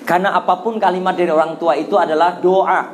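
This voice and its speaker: A middle-aged man with a Javanese accent delivers an Islamic sermon in a high, bright voice. He tells stories animatedly and acts out childhood voices and shouts as he goes. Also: fairly even intonation, fast, slight background noise. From Java, Indonesia. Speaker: Islamic preacher. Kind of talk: sermon with personal storytelling.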